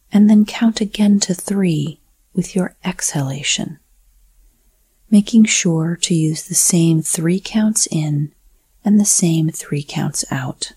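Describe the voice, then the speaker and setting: A woman whispering a slow, soothing guided breathing meditation. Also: fairly low pitch, mellow, husky, dry recording.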